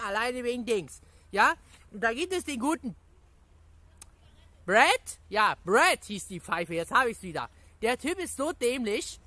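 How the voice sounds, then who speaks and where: A gaming YouTuber rambling excitedly through a casual video reply to viewers, full of pet phrases and laughter. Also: mid-range voice, no echo. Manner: rambling, chatty, repeats catchphrases and fillers.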